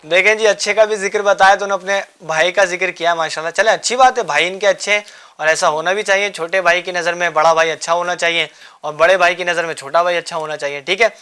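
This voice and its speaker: A man hosting a children's religious show, coaxing the kids with repeated questions and gentle teasing. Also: high-pitched, fairly even intonation, clear, resonant tone. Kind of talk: quizzing children in a studio class.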